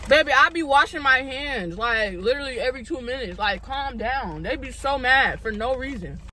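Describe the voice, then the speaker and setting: A young woman, ranting in casual chat to her vlog viewers in an animated, sassy way. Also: high-pitched, normal speed. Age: 20s. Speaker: vlogger. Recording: street traffic noise behind.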